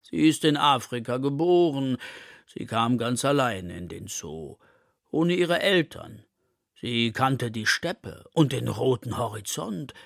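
A big, gentle elephant, as a man puts him on for a storybook, talking slowly and full of longing. The voice is a little gravelly and close, in a dry room. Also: mid-range voice, no echo, heavily acted. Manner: slow, longing, soft-spoken. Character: gentle, wistful male elephant, big and slow.

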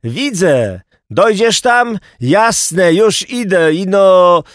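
An excited young lad shouting in a high, raised voice, as a male narrator puts him on in an audiobook. His pitch swings about in a lively way. The recording is dry. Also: drawn-out words, dry recording, exaggerated voice.

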